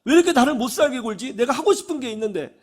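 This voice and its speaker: A man's voice: extremely high pitch, lively intonation, very fast, voice pushed up. A man voicing a whining child who pleads to keep playing on the phone, in a sermon. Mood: sulky. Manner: whiny, pleading.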